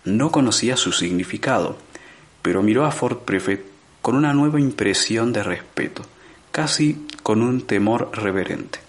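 Reading scripted narration for an audiobook, this male narrator has a fairly low voice and a measured, expressive delivery. He paces the story evenly, letting its dramatic moments land.

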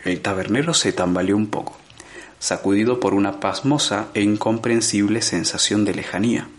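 A male audiobook narrator with a fairly low voice, reading scripted narration in a measured, expressive manner. He paces the story evenly and lets dramatic moments land.

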